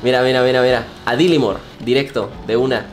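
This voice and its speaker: A man's voice: medium pitch, steady tone, quick pace, slight background noise. A young man, joking and repeating phrases as he comments on his gameplay. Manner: playful, joking, repeats phrases, laughs often. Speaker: gaming streamer. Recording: faint music behind.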